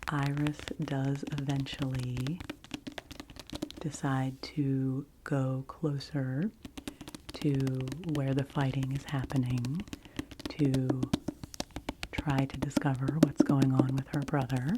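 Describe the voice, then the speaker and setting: A woman giving an ASMR book review in a hushed library whisper that slips into very soft speaking. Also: a bass voice, level tone, takes it slowly. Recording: noisy close recording with clicks and tapping.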